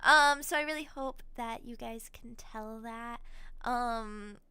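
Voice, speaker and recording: A woman streaming as a VTuber, chatting casually while gaming, excitable and rambling with frequent giggles. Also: fairly high pitch, slow, smooth.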